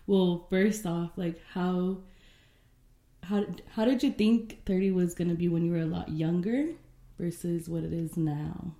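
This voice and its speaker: A woman in her thirties co-hosting a podcast in relaxed, casual chat, full of "like" and "dude". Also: fairly low pitch, measured pace. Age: 30s. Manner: relaxed, many fillers like "like" and "dude". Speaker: podcast co-host. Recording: roomy echo.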